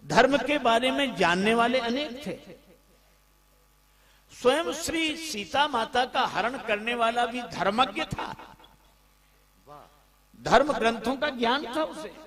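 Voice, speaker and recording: A male preacher tells a devotional story in a high voice. He speaks slowly and deliberately. His telling is humorous, and he shifts into voices for the characters. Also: lively intonation, crowd noise.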